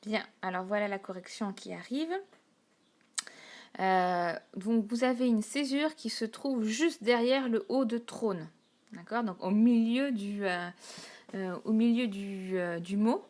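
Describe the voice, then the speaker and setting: A woman teacher talking through a recorded whiteboard lesson, pausing often with fillers and counting syllables out slowly. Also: mid-range voice, a little mellow. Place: home desk, recorded on a tablet.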